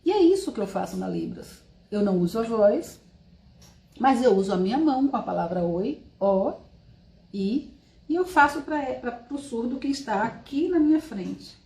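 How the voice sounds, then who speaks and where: Teacher, woman from Brazil, higher voice with a mellow tone, explains step by step to the class, roomy echo. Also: expressive, normal speed. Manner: explanatory, addresses class directly with frequent tag questions. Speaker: sign language teacher. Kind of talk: live-streamed language lesson.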